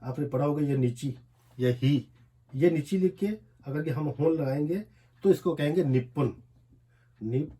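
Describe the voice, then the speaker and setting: A man with an Urdu accent teaching a language lesson, explaining as he writes and repeating each word slowly, syllable by syllable. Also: fairly high pitch, dark tone. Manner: repetitive, drills words slowly one syllable at a time. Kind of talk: explaining a lesson while writing on a board.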